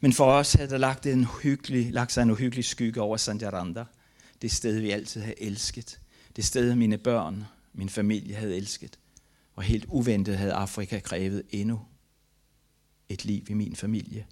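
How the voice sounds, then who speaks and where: An older man from Denmark, a missionary giving a testimony, reads aloud from his own memoir in an earnest, grief-laden and halting way. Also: lowish voice, fairly even intonation, darkish tone.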